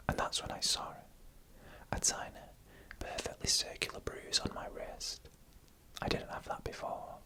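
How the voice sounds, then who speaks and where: This rough recording has a narrator whispering frightening tales in ASMR fashion, with short phrases delivered slowly and deliberately and pauses in between.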